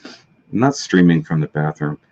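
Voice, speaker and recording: A man's voice: a bass voice, animated, normal speed, darkish tone. A man hosting a live stream in casual chat, his voice coming through distorted and tinny while he rambles through tech trouble. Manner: rambling, self-correcting about tech trouble. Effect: distorted tinny audio. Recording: dull lo-fi stream audio.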